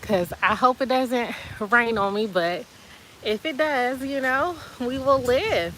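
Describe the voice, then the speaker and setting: A chatty woman talks to her phone camera while walking outside, a little out of breath. Her voice sits fairly high and her delivery is slow and easygoing. Clear outdoor noise runs under the recording. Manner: chatty, animated, says y'all. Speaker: vlogger. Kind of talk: casual vlog chat.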